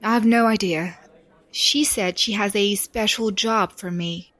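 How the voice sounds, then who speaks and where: A woman's voice: medium pitch, measured pace, a bit bright, no room sound, close to an everyday voice. A woman voicing a nervous schoolgirl, uncertain, heard from away from the mic. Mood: uneasy.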